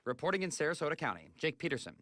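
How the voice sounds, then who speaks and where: A man filing a scripted TV news report in a measured delivery. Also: fairly high pitch, big pitch swings, fairly bright tone, no echo.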